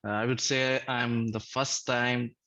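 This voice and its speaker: A man's voice: medium pitch, little pitch movement, a little slow, bright, forceful tone, dry recording. A man from Latvia introducing himself on a video call, hesitant with many fillers. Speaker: community organizer. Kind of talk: casual video call chat. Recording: dull, muffled call audio.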